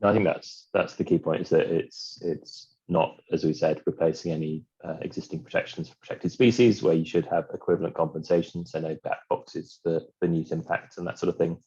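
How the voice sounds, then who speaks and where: A man's voice: deep voice, fairly even intonation, a little fast, mellow, husky, dull audio. A man answering on a webinar panel over a video call, informal and blunt with his examples. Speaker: policy expert.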